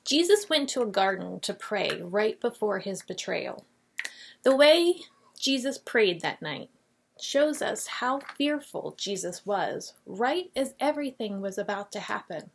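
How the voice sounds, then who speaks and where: Speaking in a mid-range voice that's creaky with a breathy edge, a woman in her forties reads scripture aloud and tells a Bible story with expression for kids. The video lesson is recorded on a desk webcam in a small, painted classroom office indoors.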